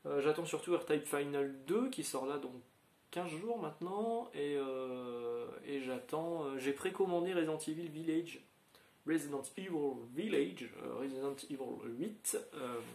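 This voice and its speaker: A man's voice: fairly high pitch, a little mellow. Male host, casual rambling chat, slightly raised voice, echoey room. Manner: rambling, chatty, many fillers and restarts. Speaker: channel host.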